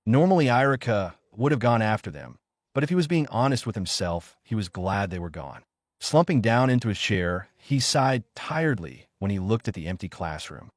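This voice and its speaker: A man with a fairly low voice reads a fan fiction story aloud at a steady pace. He misreads a word now and then. The sound is dry and close to the mic. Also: normal speed, no echo. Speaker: reader.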